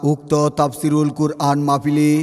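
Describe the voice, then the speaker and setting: A man calls out an event announcement in loudspeaker style, chanting each detail in a sing-song way. His pitch sits a bit high and barely moves. A long reverb trails behind him, with faint music underneath. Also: completely flat delivery, normal speed.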